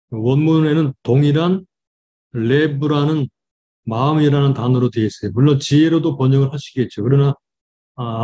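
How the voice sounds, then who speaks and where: A man, a pastor, giving a Bible study lecture, reading verses slowly and explaining them with frequent fillers. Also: medium pitch, mellow, muffled recording.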